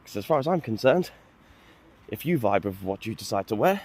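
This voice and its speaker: A man's voice: on the low side, a little fast. Rambling, self-mocking vlogger man. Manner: joking, self-mocking, lively asides. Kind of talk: rambling casual vlog. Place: outdoors on a walk. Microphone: phone at arm's length.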